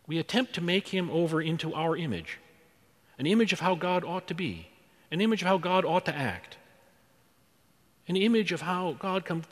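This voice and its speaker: A man preaching in a church, working through rhetorical questions and repeated phrases. His somewhat high voice rises and falls widely. The sound rings with the long reverb of a large hall. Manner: dramatic, rhetorical questions and repetition. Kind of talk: sermon.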